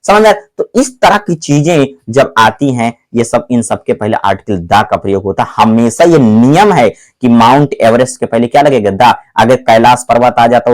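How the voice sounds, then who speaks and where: Man teaching grammar, always checking understanding. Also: mid-range voice. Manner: keeps asking the pupils whether they understand; slows right down to read English examples aloud. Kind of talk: classroom-style grammar lesson.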